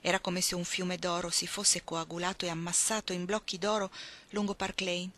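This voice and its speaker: A woman narrating a novel in a measured, expressive literary reading. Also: lowish voice. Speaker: reader.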